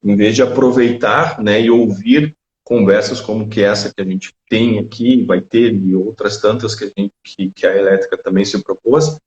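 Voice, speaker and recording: Man hosting an interview, rambling conversational delivery, lower voice, dull audio. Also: steady tone, moderate pace, darkish tone. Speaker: interview host. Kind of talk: casual interview chat. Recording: dull, echoey remote audio.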